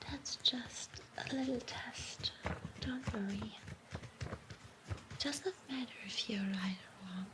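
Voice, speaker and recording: A woman's voice: on the high side, takes it slowly, pauses often, very noisy. A woman with a German accent doing a whispered role-play as an office clerk, hesitant, playful and reassuring, close on a binaural microphone. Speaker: ASMR performer playing an office clerk.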